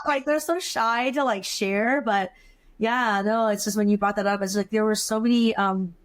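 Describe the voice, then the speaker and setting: A woman from California, a podcast host, speaking in an affirming, thoughtful way, with frequent pauses on "um.". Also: mid-range voice. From California, USA. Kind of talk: casual conversational interview.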